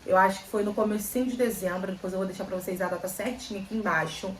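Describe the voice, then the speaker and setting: A young woman vlogger from Brazil chats casually and tells a story, repeating phrases for emphasis in a fast, medium-pitched voice with fairly even intonation. The recording sounds roomy and slightly distant, with faint ambience and slight background noise.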